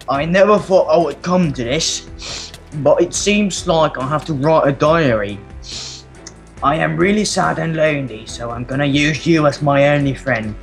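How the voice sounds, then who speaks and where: A man voicing a sad, lonely blacksmith's diary in a game role-play, halting and theatrical. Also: fairly high pitch, pitched above the performer's own voice. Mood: mournful.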